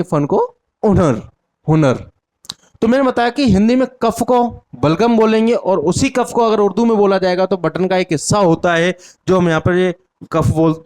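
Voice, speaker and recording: A man's voice: sits high, a little mellow, smooth. A man teaching an exam-prep Hindi lesson, asking questions and answering them himself while repeating the key words. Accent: Indian Hindi.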